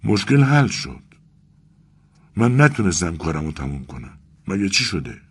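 A man's voice: very animated, slightly rough, exaggerated voice. A man voicing a tearful, pleading young clerk. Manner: pleading, breathless, pitched up. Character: anxious tearful young clerk, grateful and fragile.

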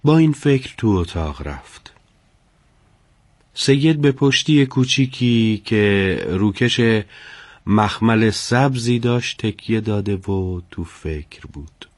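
A man reading a scripted story aloud in a measured, solemn storytelling manner. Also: on the low side, animated, no room sound. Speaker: narrator. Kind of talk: scripted narration.

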